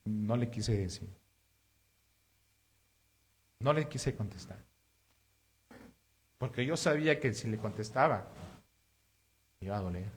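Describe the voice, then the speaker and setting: A man preaching a sermon, moving between loud emphatic passages and hushed confessional storytelling. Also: fairly low pitch, lively intonation, measured pace, pauses often. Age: adult father of three.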